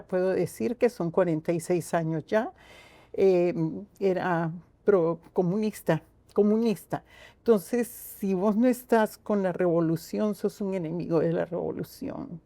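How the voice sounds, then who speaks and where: An older woman from Costa Rica with a Costa Rican accent, a guest telling her own story slowly and earnestly, with many pauses. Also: fairly low pitch, mellow, no room sound. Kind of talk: reflective personal storytelling.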